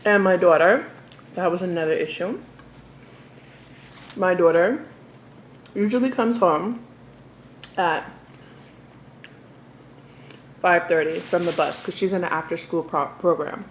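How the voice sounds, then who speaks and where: A young woman casually telling a story to the camera during an eating show, talking while she eats and pausing for bites. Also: lowish voice. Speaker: mukbang vlogger. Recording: echoey room with faint background noise.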